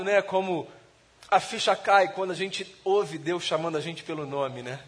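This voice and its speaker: A man's voice: high voice, a bit bright. A man preaching a sermon in a conversational way, retelling scenes and voicing the people in them. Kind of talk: sermon storytelling.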